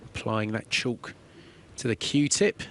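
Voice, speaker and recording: A man giving calm, explanatory play-by-play commentary on a billiards match. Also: lowish voice, takes it slowly, slight background noise. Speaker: sports commentator.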